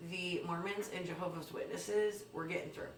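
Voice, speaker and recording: A woman's voice: lowish voice, steady tone, moderate pace, gravelly, roomy sound, far from the mic, slight background noise. A woman co-hosting a comedy news segment, telling an absurd story playfully with ums and swearing.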